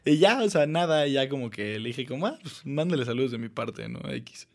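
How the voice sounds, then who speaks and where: A young man with a Mexican accent telling a story as a guest in a casual interview, animated and full of quick asides. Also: mid-range voice, vocal fry. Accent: Mexican Spanish.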